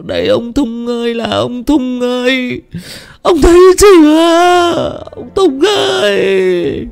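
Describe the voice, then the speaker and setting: A man voicing an anxious older village woman, calling out in a high falsetto. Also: big pitch swings, normal speed, creaky, darkish tone, soft background music, full character voice. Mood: wailing. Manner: wailing, pleading, high falsetto.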